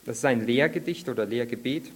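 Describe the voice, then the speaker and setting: Preacher guy giving a sermon in church, earnest, slows right down for the bible bits. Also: medium pitch. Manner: earnest, slows and lifts his voice for scripture. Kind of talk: sermon with prayer reading.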